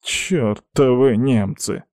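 A man voicing a stern, doting old grandfather who heads a clan, speaking slowly, heavily and commandingly. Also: mid-range voice, lively intonation, mellow, no room sound, clean studio sound, lightly acted. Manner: slow, heavy and commanding.

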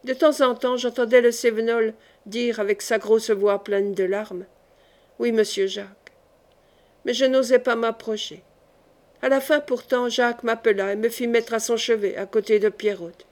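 A woman reading a novel aloud as an audiobook narrator, measured and gentle. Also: fairly high pitch, steady tone. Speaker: audiobook reader.

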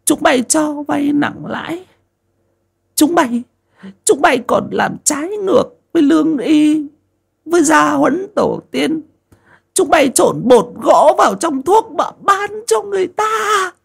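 A man voicing an old mother, righteous and grieving, who scolds her wicked son in shrill, wailing cries. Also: animated, slow, gravelly, heavily acted. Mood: furious.

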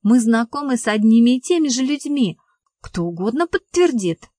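A woman's voice: on the high side, very animated, normal speed, dark tone, no room sound, studio quality. A woman reading the lines of a short-tempered man who barks insults, as an audiobook dialogue reading. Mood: smug.

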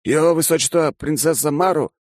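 A man's voice: a little high, fairly quick, darkish tone, no echo, clean studio sound, pitched above the performer's own voice, close to an everyday voice. Brief: a man playing a pompous young nobleman, raised stiff voice, offended and formal. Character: haughty young male aristocrat count, touchy.

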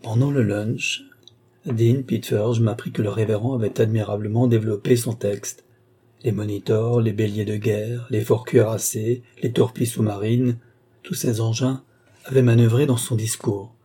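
A man reading a classic novel aloud as an audiobook narrator, in a measured, deliberate manner. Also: fairly low pitch, steady tone, warm tone, husky. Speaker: audiobook reader. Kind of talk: literary narration.

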